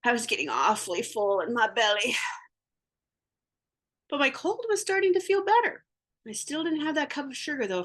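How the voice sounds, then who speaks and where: A woman reading a picture book aloud, narrating in first person as the wolf, playful and theatrical with sound effects and drawn-out words. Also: medium pitch, fairly bright tone. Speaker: storybook reader.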